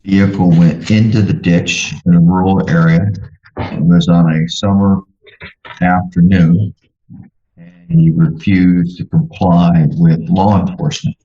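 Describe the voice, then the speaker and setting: A man speaking as a judge in court, measured and procedural, pausing with fillers, heard on a courtroom recording. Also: low voice, fairly even intonation, warm tone. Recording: roomy, dull courtroom recording with faint hiss.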